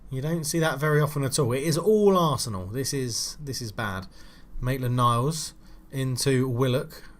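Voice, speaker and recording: A young man giving casual, frustrated commentary while playing a football management game, swearing and shouting at his players. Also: mid-range voice, normal speed. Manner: frustrated, swears, loud outbursts at his team. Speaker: gaming channel host.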